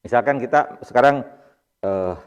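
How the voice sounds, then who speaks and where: A man with a Sundanese accent teaches Arabic grammar in a mosque, pausing often to address his listeners politely and check they follow. His voice carries a long reverb from the hall around him. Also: mid-range voice, clear, resonant tone. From Indonesia. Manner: explains patiently, often addressing listeners as "Pak". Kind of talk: mosque study-circle lesson.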